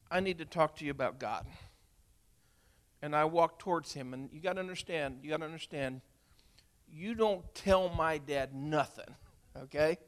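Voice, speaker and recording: A man in his sixties, a preacher, telling a heartfelt story in a sermon, swinging from hushed to loud. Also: fairly high pitch. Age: 60s. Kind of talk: emotional sermon testimony.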